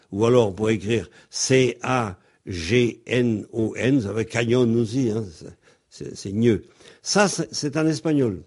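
A man's voice: mid-range voice, a little mellow. A man teaching pronunciation, speaking hesitantly with frequent ums and spelling words out letter by letter. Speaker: Breton language teacher.

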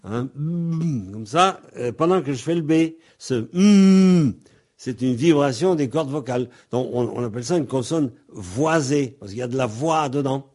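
A man's voice: mid-range voice, normal speed, few pauses. A man patiently teaching a language lesson on a radio series, sounding out consonants aloud as he explains them.

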